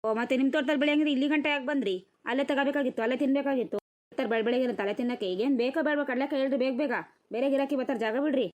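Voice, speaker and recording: A woman's voice: high-pitched, racing, lightly acted. A woman voicing a brusque, impatient female peanut seller at a market fair in a cartoon. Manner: pushy, impatient hawking.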